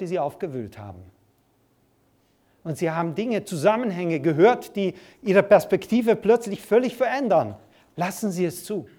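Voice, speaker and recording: A male preacher giving a sermon, earnest, often dropping to soft, quiet appeals. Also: on the high side.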